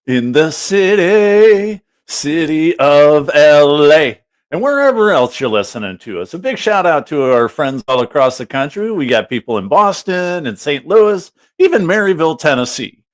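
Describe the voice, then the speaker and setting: A man co-hosting a casual soccer talk show, chatty and enthusiastic as he recaps games. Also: mid-range voice. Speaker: podcast co-host.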